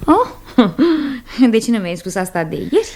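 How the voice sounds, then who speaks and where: A chatty coquettish city wife. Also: female voice, a little high, sing-song, a little mellow, a little hiss or hum. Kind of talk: 1970s radio comedy acting.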